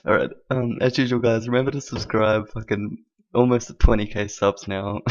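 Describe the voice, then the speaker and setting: A man's voice: on the low side, fairly even intonation, moderate pace, muffled recording. A man hosting a reaction video, laughing and swearing until he is out of breath. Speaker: commentary video host.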